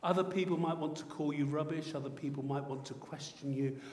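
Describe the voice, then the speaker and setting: A middle-aged man from England preaching a sermon, swinging between loud excitement and soft, reflective passages. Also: fairly high pitch, brisk. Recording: roomy hall echo heard from a distance.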